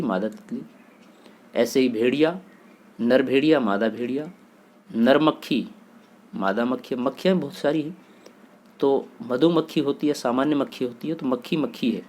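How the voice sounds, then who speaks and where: A man's voice: mid-range voice, darkish tone. A man teaching a grammar lesson for exam students, steadily listing word pairs and asking and answering his own questions.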